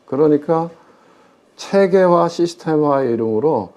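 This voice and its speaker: Slightly high-pitched and a little slow, this middle-aged man's expressive voice has a darkish tone. As a former pension fund chief investment officer, he gives emphatic public finance commentary as a guest in a conversational interview, frequently answering questions he raises himself. The audio is slightly muffled.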